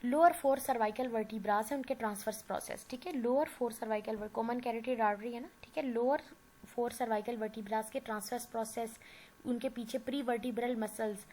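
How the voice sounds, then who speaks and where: A woman's voice: fairly high pitch, fairly even intonation, a little fast, dark tone, low-quality recording. A woman with a sore throat giving an anatomy lecture, explaining patiently, checking in with her students and mixing in English medical terms. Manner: explanatory, often checks in with "theek hai". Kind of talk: recorded classroom lecture. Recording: faint background noise.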